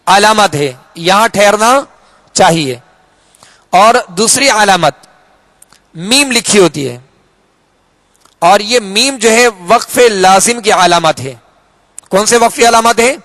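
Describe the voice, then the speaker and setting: A high-pitched male teacher with a Pakistani Urdu accent explains reading rules patiently, repeating himself and stretching out example words. The recording is close and dry, with no room sound. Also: fairly bright tone, no room sound. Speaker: Quran recitation teacher. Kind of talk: slow explanatory lesson.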